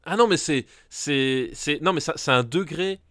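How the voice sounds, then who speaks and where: A man co-hosting a film podcast in casual chat, animated and stumbling over repeated words as he complains. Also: a little high, a little slow, dry recording, clean studio sound. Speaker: podcast co-host.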